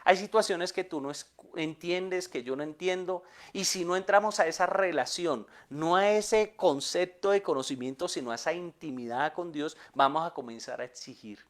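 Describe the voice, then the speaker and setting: A middle-aged pastor delivers an impassioned sermon. His fairly high voice climbs to loud, urgent peaks and then drops to hushed, low asides. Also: moderate pace, hardly any pauses.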